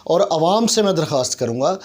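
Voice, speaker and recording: Speaking a little fast, a man with a Pakistani accent airs earnest complaints on civic matters as a YouTube commentator, his monologue emphatic and packed with repetition. His voice is on the high side, expressive and a little mellow.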